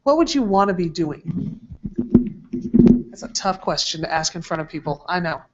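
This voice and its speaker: A woman's voice: fairly low pitch, lively intonation, moderate pace. A woman teacher questioning a student in front of a group, teasing yet encouraging, with frequent fillers. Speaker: camp teacher. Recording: dull lo-fi recording.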